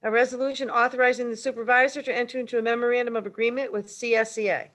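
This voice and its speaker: Quick, high-voiced woman calling the roll. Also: steady tone, fairly bright tone. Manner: crisp and procedural. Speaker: town clerk calling the roll. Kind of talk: reading resolutions and roll calls. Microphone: video call.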